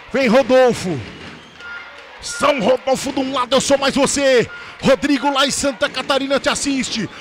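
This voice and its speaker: A Brazilian man calling football in an explosive, excited, dramatic play-by-play style, drawing out his goal shouts. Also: very high-pitched.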